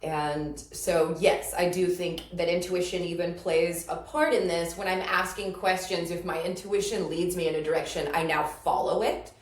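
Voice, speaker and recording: A lower-voiced woman talks through her practice in a relaxed, chatty way, often breaking into laughter. She sounds a little away from the mic, in a room that echoes. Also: normal speed, hardly any pauses. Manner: laughs often, explains at length. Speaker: energy practitioner. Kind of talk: casual podcast chat. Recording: roomy, distant mic.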